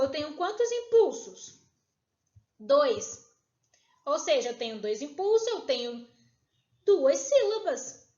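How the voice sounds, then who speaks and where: A woman teacher giving a recorded lesson, patient and encouraging. She checks in often with tag questions and slows down to sound out each syllable. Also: sits high. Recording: echoey room, dull lo-fi sound.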